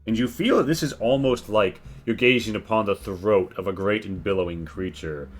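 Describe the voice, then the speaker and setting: A man running a tabletop game, improvising his narration in a halting way and repeating words as he goes. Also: lowish voice, soft background music. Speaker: game master.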